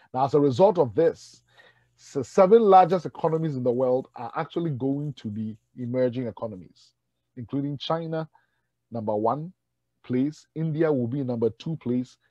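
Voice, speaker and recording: A man's voice: medium pitch, mellow, no room sound, muffled recording. A man giving a keynote talk at a leadership summit, conversational, with asides and stories.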